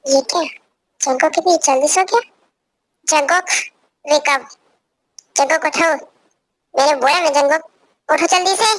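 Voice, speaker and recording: A woman's voice: sits high, measured pace, long pauses, no room sound. A young woman voicing a possessive, domineering young husband who gives orders in an amateur fan dub. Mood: bossy. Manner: commanding, repeats orders.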